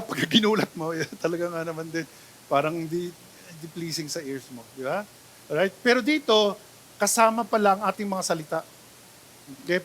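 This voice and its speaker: A male pastor with a Filipino accent preaching a sermon, mixing Tagalog and English, swinging between loud exclamations and quiet asides and often checking in with the congregation. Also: high voice.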